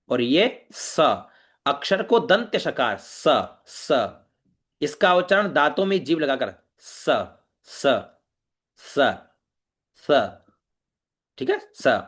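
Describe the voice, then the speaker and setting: High-voiced man teaching pronunciation. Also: a bit bright. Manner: repeats sounds slowly to demonstrate, checks in with listeners. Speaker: Vedic recitation teacher. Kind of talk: demonstration lesson on pronunciation.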